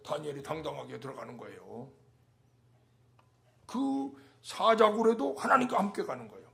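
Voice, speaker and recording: A male pastor delivering a Wednesday sermon, emphatic and repetitive, asking rhetorical questions. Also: on the high side.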